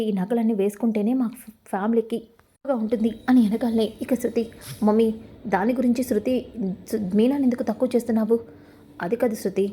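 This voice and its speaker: A woman with a slightly high, mellow voice tells the story of a serial episode. She narrates in a casual, even way. She reads the characters' lines in her own voice without acting them out. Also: slightly rough. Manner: steady retelling with quoted dialogue.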